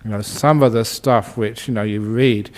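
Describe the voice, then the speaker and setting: A man who is a Buddhist monk, giving a dharma talk and telling anecdotes in an unhurried way with gentle humour. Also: fairly low pitch, steady tone.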